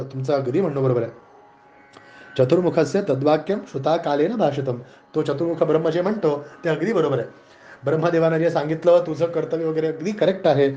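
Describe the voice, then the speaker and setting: A man with a Marathi accent giving a devotional discourse, chanting verses slowly and then retelling the story in lively, joking everyday talk. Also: a little high. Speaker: spiritual discourse speaker. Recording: dull lo-fi recording.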